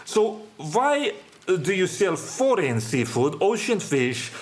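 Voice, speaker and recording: A woman's voice: lowish voice, big pitch swings, slow. A man quoting a no-nonsense middle-aged woman shopper who bluntly questions a shop clerk. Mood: challenging.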